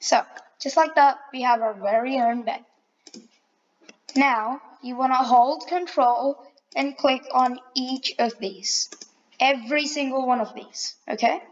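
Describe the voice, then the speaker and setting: A woman casually talking through a modeling tutorial, relaxed and chatty, correcting herself as she goes. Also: high-pitched, measured pace, lo-fi sound. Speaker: tutorial maker. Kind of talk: casual screen-recorded tutorial.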